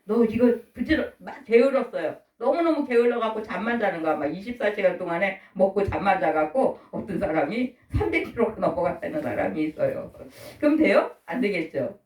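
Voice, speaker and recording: A woman's voice: medium pitch, expressive, brisk, hardly any pauses, a little mellow. A middle-aged woman preaching a sermon, asking the listeners questions and acting out the voices she quotes. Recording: echoey room from far off.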